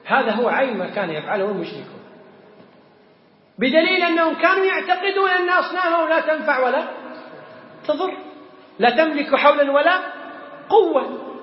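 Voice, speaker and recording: A man giving a religious lesson on a text, animated and firing rhetorical questions at his students. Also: very high voice, fairly quick, pauses often. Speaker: religious teacher. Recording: echoey hall, dull audio.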